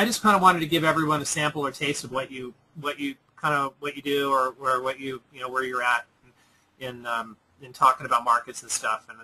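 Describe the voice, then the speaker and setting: A man from Southern California hosting a casual online chat, talking in halting bursts full of fillers and restarts. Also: mid-range voice, sharp tone, slightly rough, rough recording. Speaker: host. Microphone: computer microphone on a web call.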